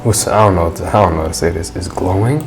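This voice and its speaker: A man with a deep voice talks quickly, reacting casually to a story quest as he plays through a game, full of slang and awed exclamations. Loud game music plays behind his voice.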